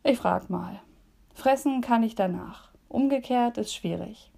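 A woman voicing a sleepy, grumbling male leopard in a zoo, gruff and drowsy in a storybook devotion. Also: fairly high pitch, a little slow, dark tone.

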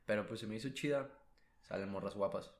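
A man with a low voice and a Mexican accent chats casually on a podcast. He rambles in slangy, profane bursts full of fillers. The sound is echoey, as if in a bare room. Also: brisk. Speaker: podcast co-host. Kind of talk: casual chat. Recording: roomy echo.

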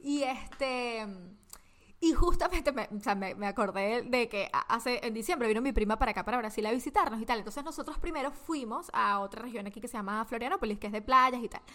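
Animated woman on a video call. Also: a little high, fairly quick. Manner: animated and emotional, many fillers and slang. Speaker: podcast co-host. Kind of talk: casual chat.

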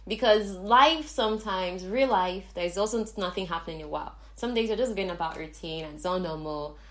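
A woman's voice: on the low side, fairly quick. A woman with a Nigerian accent hosting a podcast in a casual, chatty way, thinking aloud as she goes. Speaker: podcast host. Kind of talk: casual chat.

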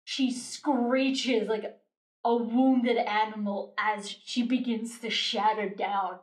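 Lady gm narrating the game, kinda high voice, lots of room echo. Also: fairly even intonation, slow pace. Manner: vivid, descriptive narration. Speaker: game master. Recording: roomy echo.

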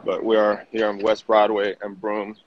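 A Venezuelan digital marketing director, a guest in an interview on a city street, speaks casually and keeps restarting his words. His voice is lowish and completely flat, at normal speed, and the audio is dull with faint noise.

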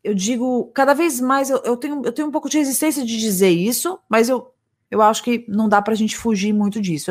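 Reflective Brazilian woman, psychologist. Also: on the high side. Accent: Brazilian Portuguese. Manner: reflective, explains with many pauses and restarts. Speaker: psychologist, podcast co-host. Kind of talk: casual podcast chat.

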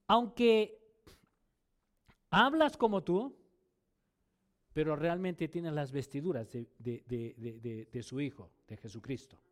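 A man's voice: fairly high pitch, takes it slowly, pauses often. A man preaching a sermon, who often restarts and repeats words as he explains and asks his listeners rhetorical questions.

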